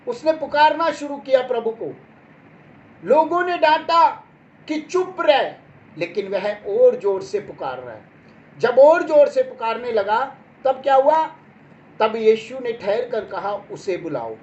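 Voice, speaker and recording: Slow, emphatic woman preacher. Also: high-pitched, animated. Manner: repetitive, emphatic, checks in with listeners. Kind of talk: Hindi Bible sermon. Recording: dull lo-fi sound with faint background noise.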